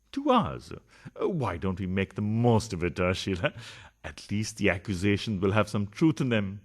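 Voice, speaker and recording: In a farcical radio play, a man with a fairly low voice plays a pompous, scheming politician husband who cheats on his wife, delivering the lines sarcastically and theatrically.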